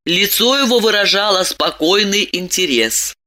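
A woman narrating an audiobook with an animated, dramatic reading. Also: mid-range voice, normal speed, slight background noise.

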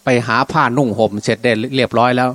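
Male Buddhist monk, medium pitch, informal Dhamma storyteller who slips into dialogue in his own voice. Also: steady tone, fast talker, a bit bright. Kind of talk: storytelling sermon, unscripted.

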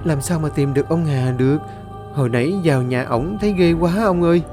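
A man's voice: fairly high pitch, a little fast, over music, voice pushed up, natural voice. A man voicing an anxious young village woman who questions and pleads urgently in a horror audiobook.

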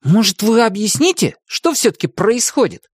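A woman voicing a clever, hot-tempered young boy in an audiobook, speaking high and forcefully. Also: animated, no echo, clean studio sound. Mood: eager. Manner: raised, quick-tempered and demanding.

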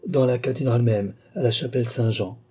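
A man voicing a devoted, entranced young wife in a classic novel audiobook, speaking softly. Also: mid-range voice, fairly quick, slightly rough. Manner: soft, devoted.

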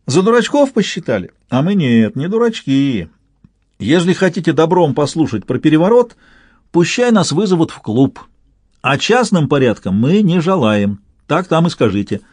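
A man's voice: fairly high pitch, big pitch swings, normal speed, darkish tone, slightly rough, dry recording, voice pushed up. A man voicing a sly, wary middle-aged peasant husband with rustic, mock-sweet speech. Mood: sugary, defiant.

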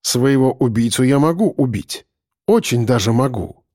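A man voicing a resolute male detective who speaks slowly and coldly. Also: medium pitch, animated, a little mellow, dry recording, clean studio sound, close to an everyday voice. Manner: slow, cold, measured.

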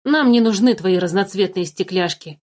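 A woman's voice: mid-range voice, moderate pace, darkish tone, natural voice. Woman reading as a blunt wry boy changeling.

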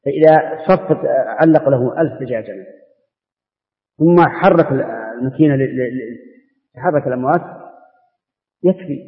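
A man, a religious scholar answering questions in an open session, explaining in a measured, step-by-step way. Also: medium pitch. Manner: measured, explanatory, restarts words. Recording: tinny lo-fi tape with long hall reverb.

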